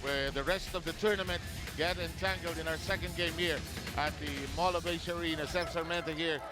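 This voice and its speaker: A man's voice: fairly high pitch, fairly even intonation, a little fast. A man with a Filipino accent hosting a basketball broadcast as commentator, conversational in his handoffs. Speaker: play-by-play host. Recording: loud music behind commentary.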